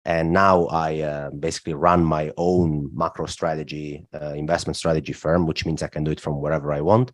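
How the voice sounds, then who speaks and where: A man from southern Italy speaks in a very low, deep voice. He explains at length as a podcast guest, leaning on "look" and "uh" as he builds each point. The sound is close and dry, with no room around it. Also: flat delivery, fairly quick, hardly any pauses, no echo. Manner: explanatory, frequent "look" and "uh" fillers. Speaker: guest, macro strategist. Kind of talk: podcast interview.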